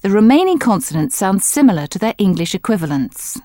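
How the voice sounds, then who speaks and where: A woman giving scripted instructional narration for a language course, explaining in a clear, measured manner. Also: mid-range voice, sing-song, dark tone, dry recording, clean studio sound.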